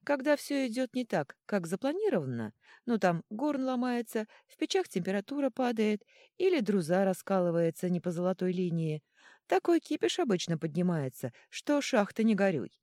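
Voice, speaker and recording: A woman's voice: medium pitch, big pitch swings, normal speed, warm tone, dry recording, clean studio sound, voice pushed up, close to an everyday voice. A woman voicing a chatty hedgehog miner. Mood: animated. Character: talkative male hedgehog, miner type.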